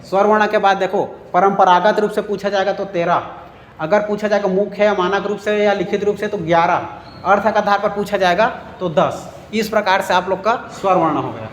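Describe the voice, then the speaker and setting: Male teacher, high pitch, drilling repetition, reverberant room with faint background hum. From India. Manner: repetitive, drilling with check-ins. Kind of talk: grammar lesson. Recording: echoey room with faint ambience.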